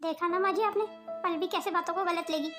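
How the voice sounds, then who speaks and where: A woman's voice: extremely high pitch, fairly even intonation, quick pace, over music. A woman voicing a sweet, hardworking elder daughter-in-law in a cartoon, speaking politely and soothingly. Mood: gentle. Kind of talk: cartoon voice acting.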